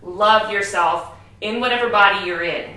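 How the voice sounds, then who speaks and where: A woman's voice: mid-range voice, moderate pace, pushed and bright. A woman in her forties hosting a casual talk show, speaking candidly and laughing often. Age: 40s. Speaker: host. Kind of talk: casual chat. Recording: roomy echo, mic at a distance.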